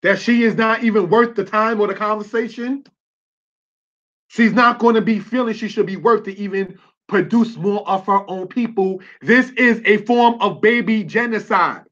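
A man's voice: sits high, moderate pace, a bit bright, dull audio. A man giving a religious teaching in a preachy, streetwise way, often checking with "you understand?".

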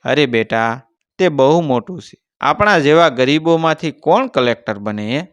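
A man's voice: on the high side, animated, normal speed, dry recording, lo-fi sound. A man voicing a weary village mother. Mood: fond. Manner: gentle, pleading. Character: poor, weary village mother, woman laborer.

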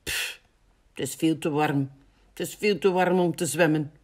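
A woman's voice: high-pitched, wildly swooping pitch, slow pace, darkish tone, pitched above the performer's own voice, heavily acted. A woman voicing a fussy, hesitant young male pig in a storybook reading. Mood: cross. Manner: whiny, pleading, stalling.

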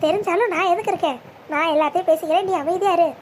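Actor voicing a devoted young groom, squeaky very high voice, firm reassuring tone, cartoon drama. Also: very fast, noisy background. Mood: determined. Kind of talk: Tamil family cartoon drama.

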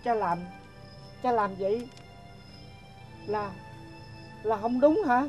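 A man playing a middle-aged father in a comedy sketch, speaking haltingly and stammering as he wavers. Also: high voice, a little mellow, lo-fi sound, soft background music. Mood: hesitant. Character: remorseful middle-aged son and father, hesitant. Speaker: father character.

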